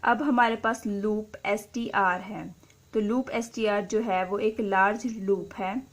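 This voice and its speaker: A woman teaching a shorthand class as a voice-over. She explains each step patiently and repeats the example words slowly. Her pitch sits in an ordinary middle range.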